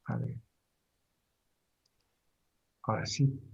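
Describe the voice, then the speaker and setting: A middle-aged man delivers a university class lecture, speaking deliberately and pausing and repeating words as he explains things. The sound is lo-fi.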